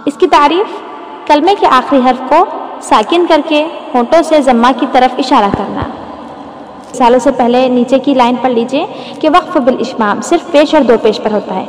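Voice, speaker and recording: A woman teaching the rules of Quran recitation, explaining patiently and drawing out each example word. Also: high voice. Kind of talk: tajweed lesson with demonstrations. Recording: echoey room with long reverb.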